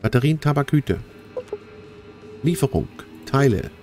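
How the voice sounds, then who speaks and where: A man giving chatty, casual commentary while playing a game, talking straight to his viewers and getting easily excited. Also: mid-range voice, unhurried, music in the background. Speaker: let's play host.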